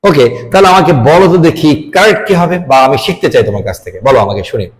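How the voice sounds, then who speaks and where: A man with a Bangladeshi accent teaches English letters to a young student. His voice sits a little high for a man. He switches between English and Bengali and plays up his own mistakes in a teasing way. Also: very animated, very fast, poor audio. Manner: mixes English and Bengali, playfully feigns mistakes. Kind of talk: playful classroom lesson with a student.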